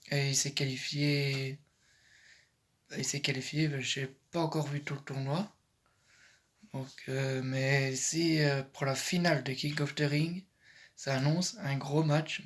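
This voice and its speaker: A man with a French accent giving casual commentary in a vlog, hesitant and often correcting himself mid-sentence. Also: fairly high pitch. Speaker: YouTuber giving predictions.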